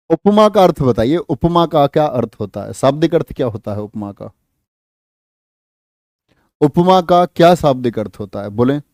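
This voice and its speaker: A male teacher giving an online exam-prep class, lively, asking students questions and acting out quoted lines in a raised voice. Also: mid-range voice, dry recording, clean studio sound. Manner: asks students questions and repeats key words.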